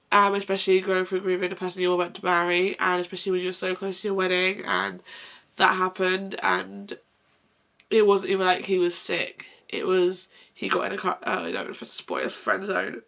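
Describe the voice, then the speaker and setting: Nasal, stuffed-up young woman with a gravelly edge. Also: medium pitch, little pitch movement, normal speed, fairly bright tone. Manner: rambling, self-correcting, gushing. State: blocked nose, sounding nasal. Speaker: book vlogger. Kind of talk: casual chat.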